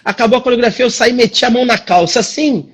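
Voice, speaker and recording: Husky, high-voiced Brazilian man telling a story. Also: quick pace. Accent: Brazilian Portuguese. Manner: animated, acts out quoted dialogue. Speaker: dance teacher. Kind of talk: casual storytelling on a livestream. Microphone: phone or computer on a live video stream.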